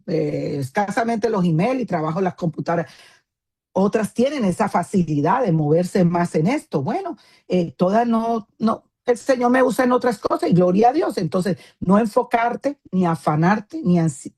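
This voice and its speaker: A woman who is a pastor's wife teaches other women in an earnest, firm manner that can feel scolding. Her mid-range voice is mellow with a breathy edge, and she often adds fillers and asks "isn't that right?"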